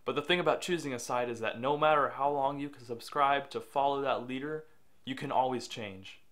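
A man's voice: mid-range voice, a little fast, close to an everyday voice. Young man playing a regretful troubled youth. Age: young adult. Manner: quiet and regretful in narration, shouting in anger. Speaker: lead actor and narrator. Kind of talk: reflective voice-over narration and dialogue.

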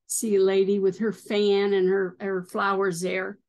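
A woman's voice: mid-range voice, level tone, a little slow, a little mellow. A middle-aged woman hosting a needlework video, showing items in a casual, hesitant way with many fillers. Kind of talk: casual show-and-tell.

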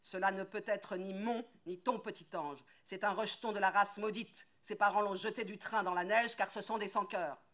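A woman's voice: mid-range voice, steady tone, moderate pace, few pauses, natural voice. A woman reading aloud and voicing a harsh, fearful male woodcutter who roars his accusations. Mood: furious. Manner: roaring, loud and accusing.

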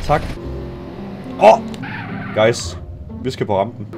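Excitable young man yelling over gameplay. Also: medium pitch, creaky, music in the background. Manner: excitable, swears a lot, mixes in English slang. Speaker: gaming YouTuber. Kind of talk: let's play commentary.

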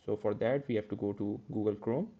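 A programming tutor walks through a coding tutorial step by step over a screen recording, correcting himself with "uh" and "okay." His lowish voice is brisk and narrow, and the audio sounds tinny.

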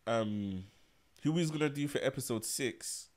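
A man's voice: mid-range voice, moderate pace, darkish tone. A young man co-hosting a podcast, telling stories in a laid-back way full of slang. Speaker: podcast co-host. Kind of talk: casual chat.

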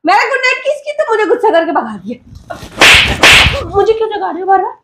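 High-voiced young woman, exasperated scolding. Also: sing-song, fast talker, very noisy. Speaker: wife in prank video. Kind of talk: casual couple banter.

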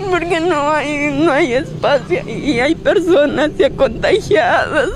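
A woman's voice: high voice, slow, music in the background. A young Peruvian woman crying and blubbering in distress as she talks through a mask in a street interview. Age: young adult. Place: outdoors at a hospital gate. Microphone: news camera microphone, masked speaker. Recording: noisy street, crowd and traffic.

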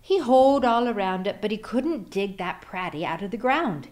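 A woman with a mid-range voice reads a children's picture book aloud at a moderate pace, telling the story expressively.

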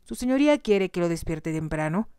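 A woman's voice: lowish voice, expressive, brisk, dark tone, clear, resonant tone, no room sound, lightly acted. A woman voicing a polite manservant who wishes his lord good night. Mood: deferential. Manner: polite, deferential.

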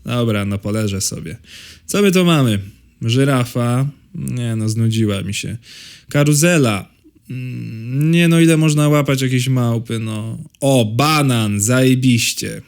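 A man's voice: mid-range voice, a little slow, clear, resonant tone, natural voice. A man voicing the sardonic inner thoughts of a world-weary baby in a comedy monologue, crude and grumbling. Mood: bored, grumbling. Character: cynical, foul-mouthed baby's inner voice, world-weary.

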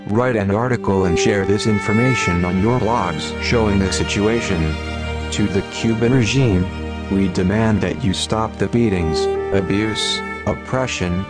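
A man in a disguised deep voice reading a solemn, declamatory activist statement. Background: loud music.

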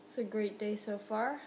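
A woman hosting her channel, chatting casually and then shouting and scolding in excited bursts. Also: mid-range voice, slight background noise. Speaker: channel host. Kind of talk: casual vlog chat and excited play-acting.

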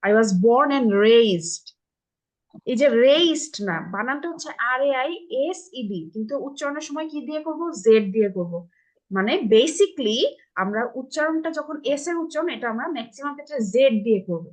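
A woman's voice: sits high, lively intonation, brisk, a little mellow. A woman with a Bangladeshi accent teaching English to children in an online live class over a video call, patiently repeating model phrases and checking that everyone understands.

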